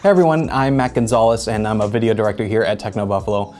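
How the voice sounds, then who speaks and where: A man, a video director, talking calmly and thoughtfully to camera. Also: lowish voice, fast talker, soft background music. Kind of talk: casual talk to camera.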